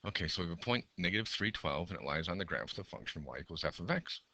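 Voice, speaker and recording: A man, a math teacher whose voice is going, narrates each step while drawing graph sketches and counts aloud as he goes. He talks fast, with a low-sitting voice, lively intonation, and a sharp tone.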